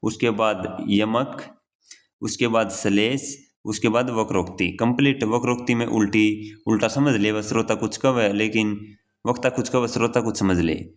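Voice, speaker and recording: Speaking in a lowish, steady, unhurried voice, a young man runs through an exam-prep grammar lesson in a relaxed way. He circles back to key phrases again and again and addresses the listener as brother.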